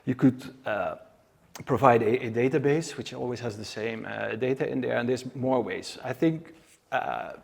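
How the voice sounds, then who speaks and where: Speaking at normal speed in a mid-range, creaky voice, this conference speaker from the Netherlands addresses a live audience in a conference room. His Dutch accent is clear, and his delivery stumbles with frequent fillers and restarts.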